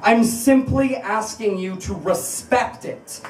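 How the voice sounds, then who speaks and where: At a live event in a bar, a woman performs an impassioned spoken-word piece, emphatic and confrontational, using rhetorical repetition. Her mid-range, darkish voice moves slowly. The distant microphone catches the echoey room and a little hiss or hum.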